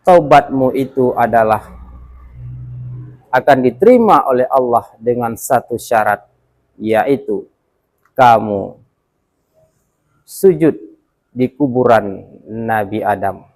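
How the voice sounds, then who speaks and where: A man voicing a solemn male prophet who sets out terms in a measured, admonishing way. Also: medium pitch, animated, a little mellow, voice pushed down.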